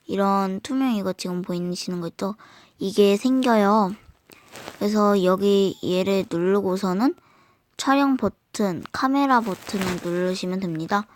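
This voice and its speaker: A woman giving an unscripted phone app tutorial in a halting way, restarting words, her voice run through a voice changer. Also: mid-range voice, no echo. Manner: halting, repeats word starts. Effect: voice altered by voice changer. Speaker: tutorial host. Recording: clear background noise with clicks.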